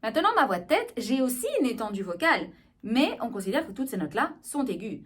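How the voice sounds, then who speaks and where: A woman speech therapist giving an explanatory video lesson on voice, lively and often checking in with her listeners. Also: fairly high pitch, quick pace, husky.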